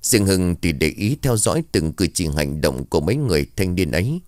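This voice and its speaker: A man with a very deep voice narrates a somber story in a steady, even manner. The sound is close and dry, with no room around it. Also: a little fast, no echo.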